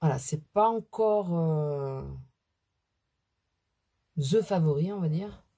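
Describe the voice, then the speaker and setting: Middle-aged woman vlogger with a cold, slightly low, mellow tone; casual, self-deprecating beauty chat. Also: lively intonation, takes it slowly. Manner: chatty, rambling, self-deprecating asides. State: has a cold. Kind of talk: casual makeup vlog chat. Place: at home at her mirror.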